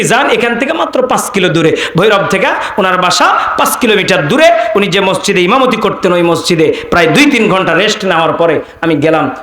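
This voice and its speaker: A preacher speaking in a bright voice, narrating calmly and conversationally to a crowd. His words echo through a public-address system at an open-air gathering. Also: sits high. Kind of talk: sermon storytelling. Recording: echoey public-address sound.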